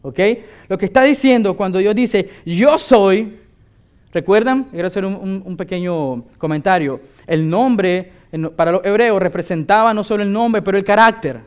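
A man's voice: sits high, normal speed, hardly any pauses, smooth. A male pastor preaching a sermon with emphatic delivery, often asking his listeners rhetorical questions.

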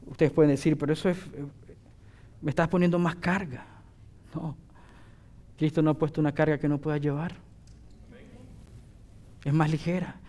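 A middle-aged man delivering a sermon with a voice pitched a little above most men. He exhorts his listeners emphatically and builds to loud declarations on his key points. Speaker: preacher.

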